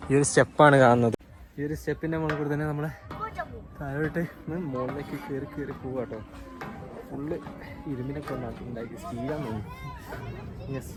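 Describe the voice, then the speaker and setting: A man travel vlogger casually narrating outdoors while walking through hills and a market, chatty and guiding viewers. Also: medium pitch. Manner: chatty, guiding viewers, often tags sentences with "you know". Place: outdoors on a tea estate, hills and a village market.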